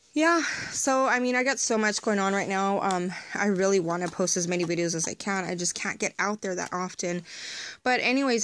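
A woman with a raspy voice, chatting in a rambling, friendly way straight to her viewers in a casual haul video. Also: on the low side, a bit bright, no echo. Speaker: haul vlogger.

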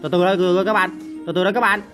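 A young man giving excited gameplay commentary, repeating words in rapid bursts and grumbling at his teammates. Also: high-pitched, soft background music. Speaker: gaming streamer.

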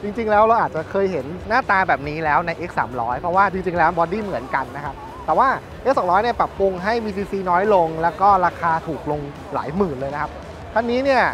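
A man in his thirties presenting bikes at a busy indoor motor show in a lively, chatty way, speaking into a lapel mic. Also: sits high, fast talker. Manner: lively, chatty, points things out. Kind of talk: casual walkaround presentation. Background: music.

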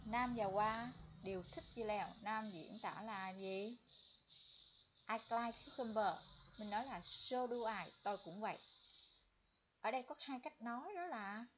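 A woman English teacher giving a bilingual vocabulary lesson, repeating each word slowly for students to copy. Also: mid-range voice, noisy background. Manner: slow drilled repetition of words. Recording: dull lo-fi recording.

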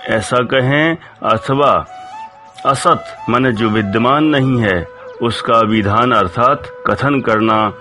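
A male scripture teacher speaks at an unhurried, measured pace with a bright, forceful tone. He works through each term deliberately and has his listeners repeat the verses after him. Soft music sits faintly underneath his voice. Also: on the low side. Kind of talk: explanatory religious lesson.

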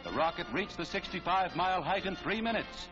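A high-voiced man gives brisk, declamatory narration for an old 1940s newsreel. The sound is dull and lo-fi like archive film audio. Music plays clearly behind him. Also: expressive.

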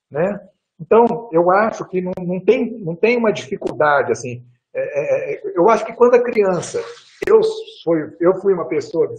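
Captured with poor audio from a video call webcam, this older guest lecturer has a high-pitched, slightly mellow voice. He gives a relaxed lecture answering questions, rambling with frequent restarts and tag questions.

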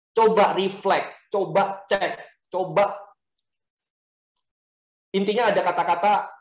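A man giving a motivational talk who mixes in English phrases and acts out little dialogues as he goes. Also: high-pitched. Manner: lively, acts out dialogues with others. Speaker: speaker at a talk. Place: event venue. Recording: echoey room sound.

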